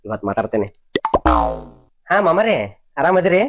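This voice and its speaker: A woman's voice: on the low side, big pitch swings, moderate pace. A woman with a North Karnataka Kannada accent performing a comic skit, asking teasing, mock-puzzled questions. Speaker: comedy sketch performer.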